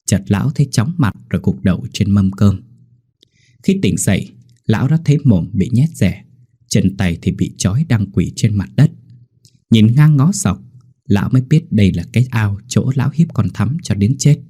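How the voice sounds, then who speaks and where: A man narrating a horror story in a steady, grim manner. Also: lowish voice, moderate pace, breathy edge.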